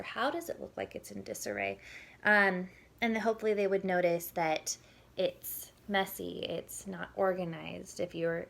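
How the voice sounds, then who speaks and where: A parenting educator gives an informal, conversational lesson, explaining as she goes and demonstrating example questions. Her mid-range voice has vocal fry and a fairly bright tone.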